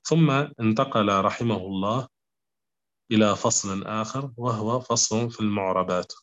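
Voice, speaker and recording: A man with a fairly low voice gives a patient grammar lesson. He talks slowly, repeats each example and keeps checking that his students follow. The recording is a little dull and lo-fi. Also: fairly bright tone. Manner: slow, repetitive, asks "clear?" often. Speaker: Arabic grammar teacher.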